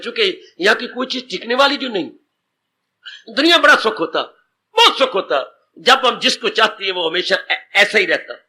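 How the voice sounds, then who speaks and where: A man preaching a sermon as a swami in with a tinge, telling stories in an animated way and speaking directly to his listeners. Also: high voice, slight background noise.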